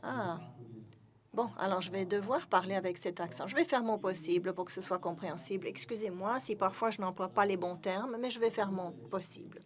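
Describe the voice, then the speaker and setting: A woman's voice: mid-range voice, brisk. A woman giving live interpretation of a speech, with frequent hesitations and self-corrections. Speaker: simultaneous interpreter.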